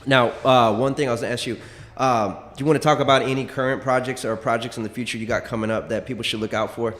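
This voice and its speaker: A man interviewing a guest, asking friendly, halting questions with many fillers. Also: medium pitch, fairly even intonation, a bit bright. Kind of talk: casual interview talk. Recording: echoey reverberant room.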